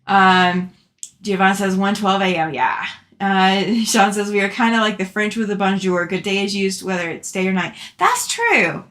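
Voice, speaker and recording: Casting: woman, mid-pitched voice, affectionate and chatty, informal livestream host replying to comments. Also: steady tone, normal speed, a bit bright. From Alabama, southern US. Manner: chatty, affectionate with viewers, laughs often. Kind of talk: casual chat, reading out and answering live comments.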